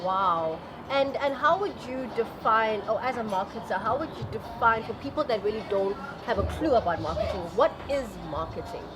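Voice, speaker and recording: A woman's voice: a little high, expressive, moderate pace, few pauses, background noise. A woman hosting a conversational interview in an effusive, gushing manner. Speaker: show host, interviewer. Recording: music under the talk. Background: music.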